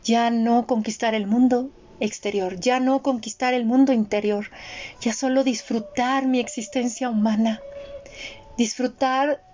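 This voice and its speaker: A woman in her forties with a fairly high voice, speaking in an earnest, motivational way and turning to her listeners often. The recording is dull and lo-fi. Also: steady tone, a little slow, dark tone, a little hiss or hum. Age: 40s. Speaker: co-host. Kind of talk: reflective conversational talk. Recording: dull lo-fi sound.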